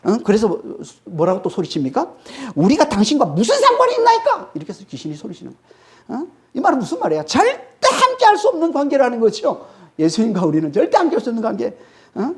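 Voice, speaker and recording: Her voice is on the high side with a darkish tone as she preaches an expository sermon. Emphatic and repetitive with key phrases, she frequently checks the audience with a prompting "eh?".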